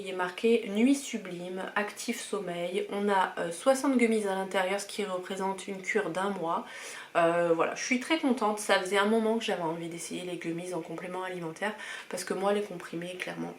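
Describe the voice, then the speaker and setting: A woman's voice: lowish voice, fairly even intonation, normal speed. Chatty woman unboxing in echoey room. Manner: chatty, enthusiastic, many "euh" fillers. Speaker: beauty vlogger. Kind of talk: casual unboxing chat. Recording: echoey room, faint ambient noise.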